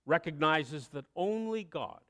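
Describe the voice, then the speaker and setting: A man preaching a sermon, telling a story with expressive delivery and dramatic pauses. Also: a little high. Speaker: pastor.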